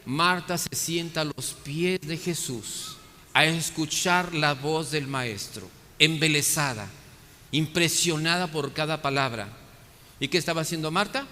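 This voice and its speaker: A male priest delivers a lively sermon, slipping into the voices of the people in his story. His voice sits a little high and rings bright. It echoes through a church with a long reverb and a faint hum behind it. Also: unhurried. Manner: lively storytelling, acting out the voices of biblical figures.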